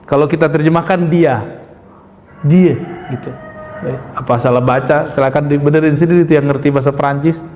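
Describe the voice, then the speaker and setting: A man preaching a sermon in an emphatic, lively way, often turning to his listeners directly. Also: fairly high pitch, brisk, slight background noise. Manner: lively, emphatic, addresses audience as "Pak". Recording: echoey hall.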